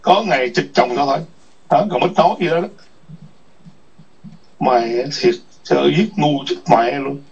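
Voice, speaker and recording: A man's voice: a little high, lively intonation, measured pace, creaky, long pauses, a little mellow, a little hiss or hum. A man ranting in an online chat room, scolding and cursing with repeated taunting questions. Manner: foul-mouthed, scolding, repetitive taunts. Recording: distant muffled lo-fi mic.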